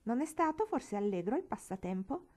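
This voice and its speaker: A woman's voice: fairly high pitch, very animated, normal speed, a little mellow, pitched above the performer's own voice. A woman voicing an eager, mischievous boy in a storybook reading, with rising, exclaiming speech. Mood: delighted.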